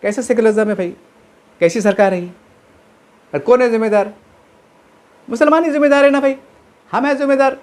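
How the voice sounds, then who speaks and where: A man's voice: extremely high pitch, a little fast, long pauses. A man giving impassioned political commentary, asking rhetorical questions and answering them himself.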